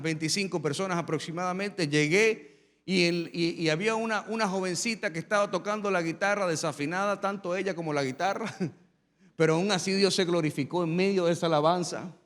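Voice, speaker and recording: A man preaching a sermon as pastor, telling his own testimony and building to loud, emphatic preaching. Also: high-pitched, normal speed, in a large hall.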